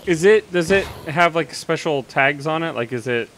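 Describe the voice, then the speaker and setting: A man hosting a casual game session with friends. He thinks aloud as he explores, and his slightly high voice leaps around with excitement. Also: moderate pace, slight background noise. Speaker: let's play host. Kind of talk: casual gameplay chat.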